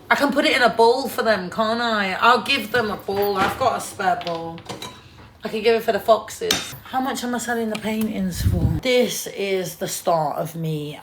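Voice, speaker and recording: A woman's voice: medium pitch, noisy background. A woman chatting casually on a livestream at home in a flamboyant, profane way, often calling people darling. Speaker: artist and vlogger.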